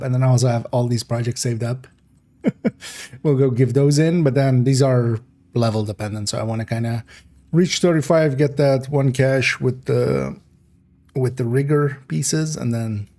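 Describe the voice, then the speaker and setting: A man streaming a game, chatting casually in a rambling, relaxed way and laughing often. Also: mid-range voice. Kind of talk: casual gameplay livestream chat.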